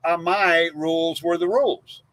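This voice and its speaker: A man's voice: a little high, steady tone, measured pace, a bit bright. A man co-hosting a casual live stream, folksy and chatty, rattling off viewer guesses. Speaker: livestream co-host.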